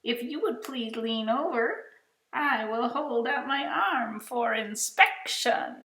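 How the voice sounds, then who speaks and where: A woman voicing a prim, polite male monster with a high, silky voice, reading a storybook aloud. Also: lively intonation, slow, fairly bright tone, echoey room, exaggerated voice. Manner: polite, fussy, well-mannered.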